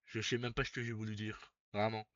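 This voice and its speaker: A young man, chatting casually on a live stream as he reacts, swearing and breaking into loud laughs. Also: fairly low pitch, little pitch movement, fairly quick, no room sound, highs cut off. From Belgium.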